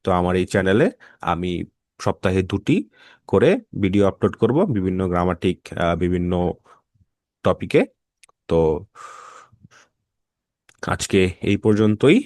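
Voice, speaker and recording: A man teaching a German language lesson, reading letters aloud slowly and patiently for learners to repeat. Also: low-pitched, no room sound, clean studio sound. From Bangladesh. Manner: slow, patient letter-by-letter pronunciation drills. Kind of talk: slow spoken language lesson.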